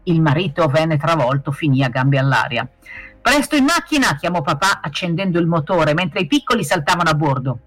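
A woman reading a children's fable aloud in a lively, expressive way. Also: low-pitched, a little fast, hardly any pauses, faint music behind. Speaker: storyteller, author of the tale.

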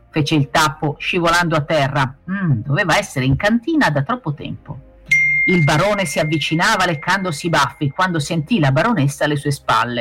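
A woman reading a children's fable aloud in a lively, expressive way. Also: sits low. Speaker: storyteller, author of the tale.

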